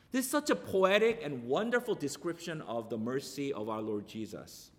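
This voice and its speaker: Animated male pastor preaching in a hall. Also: medium pitch. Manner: conversational preaching with rhetorical questions. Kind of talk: sermon.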